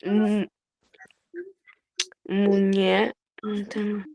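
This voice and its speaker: A woman's voice: mid-range voice, monotone, extremely slow, vocal fry, background noise. A woman learner repeating single syllables after her teacher in an online lesson.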